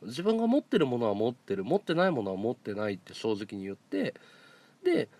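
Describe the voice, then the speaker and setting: A man's voice: mid-range voice, very animated, a little fast, a little mellow. A man streaming a casual monologue, telling stories in a blunt and outspoken way. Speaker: live streamer.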